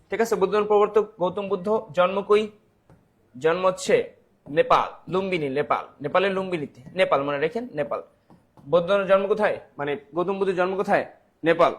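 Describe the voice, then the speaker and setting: A man, teaching a live online exam-prep class. He quizzes viewers, repeats the answers and reads out the names of commenters. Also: high-pitched.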